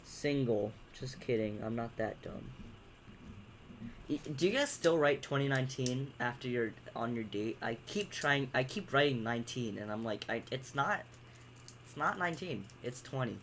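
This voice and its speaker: A man's voice: mid-range voice, expressive, normal speed, fairly bright tone, slight background noise, low-quality recording. A man doing homework on camera, reading a text aloud in a casual vlog, joking around, stumbling over words and interrupting himself. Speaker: student vlogger.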